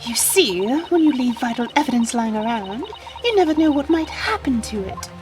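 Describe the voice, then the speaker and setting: Woman doing a smug breathy english villain lady, sneery and slow, pretty high voice. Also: lively intonation, over music, natural voice. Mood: mocking. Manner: taunting, drawn-out sneering delivery. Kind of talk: fan voice dub of a game.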